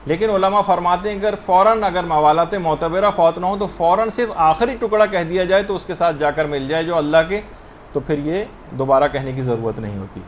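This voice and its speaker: A man's slightly high voice, with a little hiss or hum behind it, leads a lesson on the rules of prayer. He goes step by step through each point and carefully spells out how words should be pronounced.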